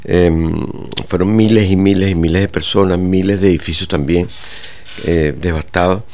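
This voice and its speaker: An older man from Venezuela, a guitar teacher, speaking haltingly with many pauses and fillers in a radio interview. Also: low-pitched, fairly even intonation, a little mellow, a little hiss or hum. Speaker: guitar teacher and orchestra director.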